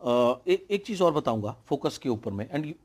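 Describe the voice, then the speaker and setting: A man's voice: medium pitch, big pitch swings, normal speed, darkish tone. A man telling a fable as a motivational speaker, emphatic, mixing English phrases into his talk. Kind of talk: motivational storytelling.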